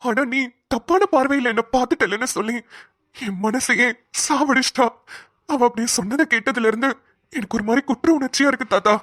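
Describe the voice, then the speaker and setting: A woman's voice: on the high side, a little fast, fairly bright tone, dry recording, studio quality. A woman voicing an earnest, guilt-ridden young man in a cartoon, who speaks in a pleading way. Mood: guilty. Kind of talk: cartoon voice acting.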